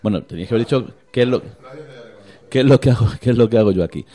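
A man's voice: mid-range voice, very fast, warm tone. A middle-aged man, a radio guest teasing and telling gossip with many restarts. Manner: chatty, teasing, hesitant restarts. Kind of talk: joking radio chat.

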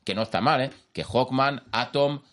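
An excitable man with a Spanish accent from Spain, chatting about films with lots of energy. His voice sits at an ordinary middle pitch, and he tells his points in a lively, animated way. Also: normal speed. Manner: enthusiastic, animated storyteller. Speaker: film commentator. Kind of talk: casual radio chat.

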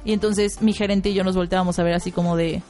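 A woman hosting a podcast, telling a work anecdote and acting out voices with high squeals. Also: fairly even intonation, fast, warm tone, soft background music. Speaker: podcast host. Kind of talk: storytelling anecdote.

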